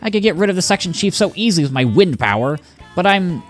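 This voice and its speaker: A man's voice: high voice, sing-song, fast talker, faint music behind, pitched above the performer's own voice. A man voicing a put-upon male robot clerk who whines and grumbles about his boss, reading game dialogue aloud. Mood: whiny. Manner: whiny, complaining.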